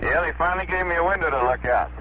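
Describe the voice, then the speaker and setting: A man's voice: on the high side, very fast. A man, an astronaut, giving short, matter-of-fact flight callouts as a pilot over a radio link. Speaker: astronaut on a spacecraft. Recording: dull lo-fi radio with faint hiss.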